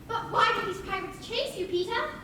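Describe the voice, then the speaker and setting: A woman's voice: very high voice, expressive, normal speed. A woman playing a prim, motherly young girl who asks many polite questions, on a live stage. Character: proper motherly young girl, curious and sensible. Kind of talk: stage play acting. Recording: echoey stage recorded from far off, with loud noise.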